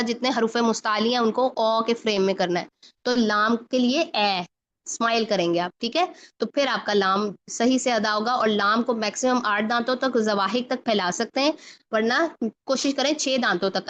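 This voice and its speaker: A woman with a slightly high voice leads a recitation lesson, patiently explaining each point and drawing out example words slowly. The recording is a little dull and lo-fi. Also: a bit bright. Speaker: Quran recitation teacher.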